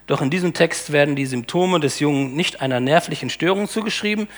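A man with a high voice delivers a sermon from the pulpit. He asks the congregation rhetorical questions and drops into low, muttered asides between his emphatic lines. His high register carries his strongest points. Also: fairly quick. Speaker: preacher.

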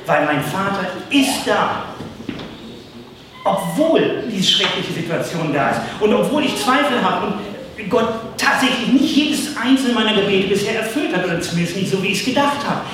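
A man preaches with earnest emphasis, slowing down to repeat his key lines. His fairly high voice rings through a very echoey hall. He sounds set back from the microphone, as if caught by a room mic in a church. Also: fairly bright tone. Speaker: pastor. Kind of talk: sermon. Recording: echoey distant hall recording.

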